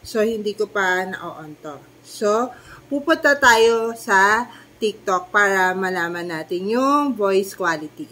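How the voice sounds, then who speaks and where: Speaking slowly with an animated, fairly bright mid-range voice, this woman walks viewers through a casual demo of her clip-on mic at home. She's a middle-aged vlogger with a Filipino accent, stuffy-nosed from a cold, recording on a wireless mic and phone while moving between rooms.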